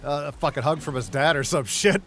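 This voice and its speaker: A man's voice: a little high, fairly quick, fairly bright tone, a little hiss or hum. A man chatting casually with a friend while gaming, rambling and swearing heavily, with many restarts.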